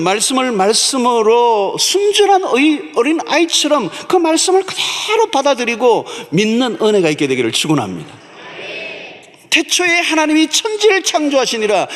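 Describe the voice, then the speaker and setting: A man's voice: very high voice, a bit bright. A man preaching a sermon as pastor, emphatic and repeating key words for stress. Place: large church sanctuary. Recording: long church hall reverb.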